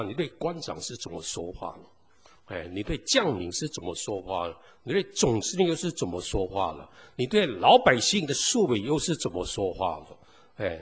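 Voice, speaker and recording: Husky-voiced preacher man in reverberant hall. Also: medium pitch. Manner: constantly asks the congregation rhetorical questions. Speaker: pastor. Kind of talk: sermon.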